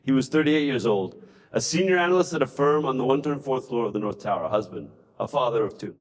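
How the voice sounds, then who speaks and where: A man's voice: mid-range voice, animated, fast talker. A man narrating a tragic story in a solemn, dramatic scripted style. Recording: long hall reverb.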